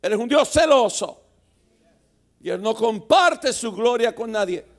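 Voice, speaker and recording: A male pastor preaching a sermon at a church service, swinging from soft asides to shouted exhortation. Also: very high-pitched, animated, a little slow, some chatter behind.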